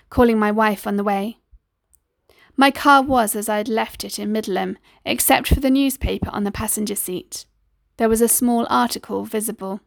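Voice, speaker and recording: A woman narrates a first-person story for an audiobook, reading in a measured, deliberate way. Her voice is fairly high with a gravelly, creaky edge, and the sound is dry and close. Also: no room sound.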